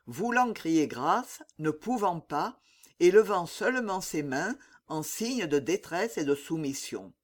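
A narrator reading a historical novel in a measured, dramatic way. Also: medium pitch. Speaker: audiobook narrator.

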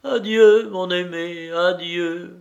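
A man's voice: high-pitched, fairly even intonation, takes it slowly, vocal fry, highs cut off, pitched above the performer's own voice, exaggerated voice. A man voicing a young man in anguish who is losing his mind, pleading and tearful.

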